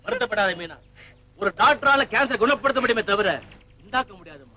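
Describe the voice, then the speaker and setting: An actor playing a middle-aged doctor who jokes bluntly and teases in an offhand way. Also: male voice, extremely high pitch, expressive, fairly quick, sharp tone, full character voice, low-quality recording. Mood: teasing. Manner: mocking, offhand.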